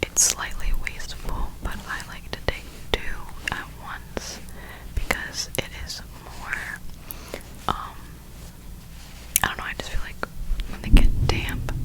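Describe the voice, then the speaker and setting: A young woman whispers throughout in a breathy, voiceless tone. She rambles through casual ASMR chat in slangy, informal phrasing, as if thinking aloud. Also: takes it slowly, pauses often, low-quality recording. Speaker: ASMR creator.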